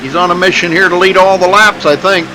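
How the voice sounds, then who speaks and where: A man's voice: sits high, steady tone, fairly quick, crowd noise, low-quality recording. A man working as a motorsport commentator, giving casual, chatty live commentary on a race.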